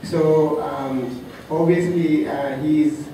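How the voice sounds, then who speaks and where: Man from Africa, halting tribute speech, far off in a very echoey room with clear noise. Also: a little high, steady tone. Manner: soft-spoken, halting, many fillers. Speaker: colleague giving a tribute. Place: reception room. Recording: roomy, distant, noisy room recording.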